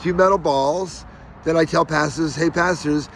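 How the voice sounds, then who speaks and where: A man's voice: fairly high pitch, fairly even intonation, moderate pace, vocal fry, a bit bright, slight background noise. A man telling his own story in an aggrieved, emphatic rant, his speech slightly slurred by missing front teeth. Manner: aggrieved, emphatic, acts out reported dialogue.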